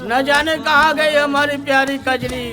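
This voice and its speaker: A fretful high-voiced village farmer. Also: male voice, flat delivery, measured pace. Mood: pleading. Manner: fretful, grumbling, scolding. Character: anxious indebted village farmer, middle-aged man. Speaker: villager in debt. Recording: film soundtrack with background music.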